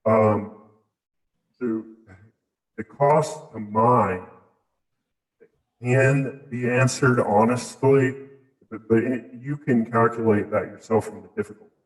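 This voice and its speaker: A man being interviewed as a mining operator, speaking through a voice scrambler in a hesitant, halting way with many restarts. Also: medium pitch, steady tone, reverberant, low-quality recording. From Southeast United States. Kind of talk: casual interview.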